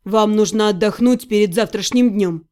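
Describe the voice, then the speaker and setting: A woman voicing an earnest young male necromancer who speaks quietly and sincerely. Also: mid-range voice, moderate pace, voice pushed down, lightly acted. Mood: tender, earnest. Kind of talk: audiobook character voice.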